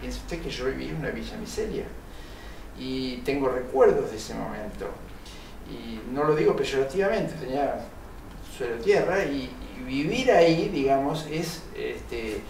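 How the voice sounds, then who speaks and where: A man's voice: medium pitch, lively intonation, measured pace, vocal fry, a little mellow. An older man born in Italy, answering interview questions earnestly, with many hesitant fillers. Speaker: interview guest, engineer and researcher. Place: TV studio set. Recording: roomy, distant mic, noisy.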